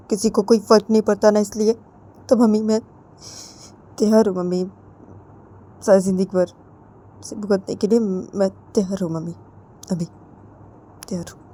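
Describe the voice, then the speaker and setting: Story role: woman voicing a young bride, quiet, pleading, mellow low tone. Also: slight background noise, close to an everyday voice. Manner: soft, pleading, at times whispered.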